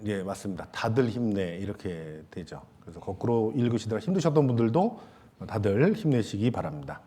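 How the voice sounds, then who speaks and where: A male pastor giving a Sunday sermon in a church, talking casually and joking with the congregation, with many soft fillers and trailing pauses. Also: on the low side, very animated, husky. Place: church sanctuary.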